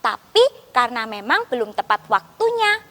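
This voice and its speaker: A woman Sunday school teacher, gently coaxing and explaining to a child puppet. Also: on the high side, sing-song, moderate pace, long reverb tail.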